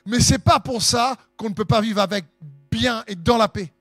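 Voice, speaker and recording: A man's voice: sits high, moderate pace, a bit bright, no room sound, clean studio sound, soft background music. A man preaching a sermon in an impassioned, sing-song way, letting his phrases swell for emphasis.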